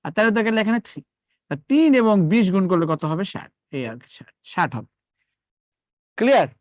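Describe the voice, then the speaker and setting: A man's voice: high-pitched, sing-song, fairly quick, no room sound. A man teaching a live online math lesson, repeating questions to his students and drilling them step by step.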